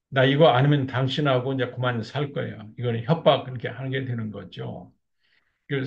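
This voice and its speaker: Male marriage counselor, lecture delivery, gravelly, slightly muffled lo-fi audio. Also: medium pitch. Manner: steady explanatory tone with frequent fillers like "이렇게". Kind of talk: lecture on couple communication.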